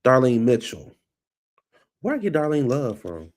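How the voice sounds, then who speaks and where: This casual solo chat comes from a vlog host at his home computer whose nose is congested and whose voice is fading; he rambles loosely and calls listeners "baby." He talks in an unhurried way, his mid-range voice darkish in tone and full of huge pitch swings.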